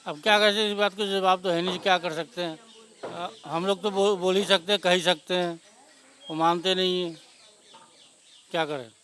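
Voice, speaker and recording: High, bright-voiced man complaining bitterly. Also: fairly even intonation, moderate pace, pauses often. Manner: resigned, then bitter and indignant. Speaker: local resident, temple priest. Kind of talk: street interview. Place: outdoors at a demolition site.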